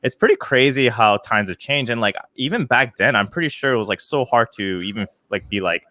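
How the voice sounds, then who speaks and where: A man's voice: medium pitch, expressive, a little fast, bright, forceful tone, dry recording, clean studio sound. A man hosting a casual interview, asking curious questions with lots of "like" fillers. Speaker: podcast host.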